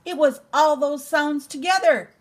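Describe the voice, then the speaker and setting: With a high-pitched voice, a grandmother reads a bedtime story aloud to a child. She is unhurried and reads with a lot of expression.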